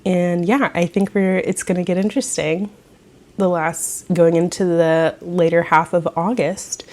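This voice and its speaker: A woman hosting a knitting podcast, chatting casually and giggling, keeping her voice quiet in her morning voice at home. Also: on the low side, little pitch movement, a little slow. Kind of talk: casual chat.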